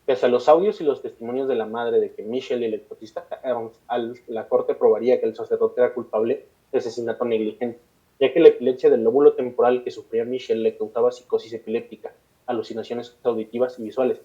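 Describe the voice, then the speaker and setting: A man's voice: mid-range voice, fairly even intonation, fast, mellow. A man with a Mexican accent, a podcast co-host reading a scripted segment between casual banter. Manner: reads long passages, breaks into slangy chat. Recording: dull lo-fi podcast audio.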